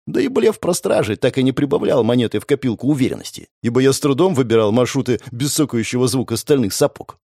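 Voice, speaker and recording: Expressive male audiobook narrator. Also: medium pitch, fast talker, creaky, hardly any pauses, husky, dry recording, clean studio sound. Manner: animated, expressive storytelling. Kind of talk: scripted first-person fantasy narration.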